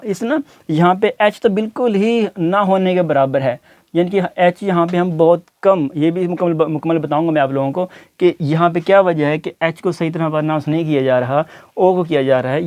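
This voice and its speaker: A man teaching English pronunciation in a spoken lecture, repeating each word several times, spelling words letter by letter and pausing on drawn-out fillers. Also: fairly high pitch, a little mellow, no room sound.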